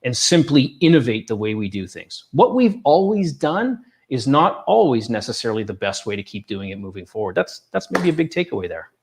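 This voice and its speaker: A man's voice: mid-range voice, very animated, brisk, hardly any pauses, darkish tone. A male co-host of a live business talk show, talking casually and with animation, often repeating words. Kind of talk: casual panel chat.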